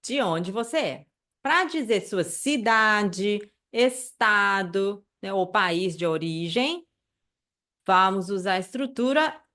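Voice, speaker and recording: Slow, patient Brazilian woman teaching. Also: medium pitch, animated, pushed and bright. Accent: Brazilian Portuguese. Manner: patient, repeats phrases slowly, checks in with tag questions. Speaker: language teacher. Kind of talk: online language lesson.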